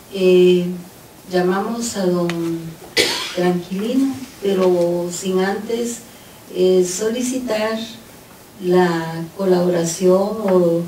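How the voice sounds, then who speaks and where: A woman's voice: fairly low pitch, warm tone, slight background noise. A woman on a panel, speaking carefully and with some hesitation. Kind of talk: panel discussion. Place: lecture hall. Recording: roomy hall, distant mic.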